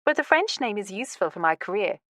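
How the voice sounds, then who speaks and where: A woman's voice: medium pitch, sing-song, fast talker, fairly bright tone, no echo, clean studio sound. A woman voicing a confident, glamorous woman who speaks in a charming, breezy way.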